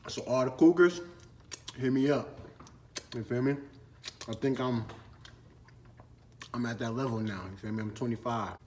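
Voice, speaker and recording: The speaker is a Minnesota vlogger in his twenties, munching on food as he casually works through a Q&A in slangy, laid-back fashion, shot on a phone in a storage room lined with shelves and ladders. His medium-pitched voice has a darkish tone, and he keeps a moderate pace with frequent pauses.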